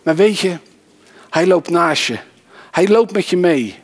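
A man's voice: high voice, expressive, unhurried, slightly rough, exaggerated voice. A man voicing a disciple who tells his own story in first person, in a dramatic monologue within a sermon. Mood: earnest. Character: grieving male disciple on the road, adult.

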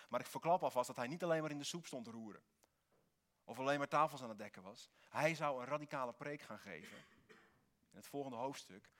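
Dutch-speaking man preaching a sermon. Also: mid-range voice. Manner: earnest, with sudden lively emphasis. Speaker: pastor.

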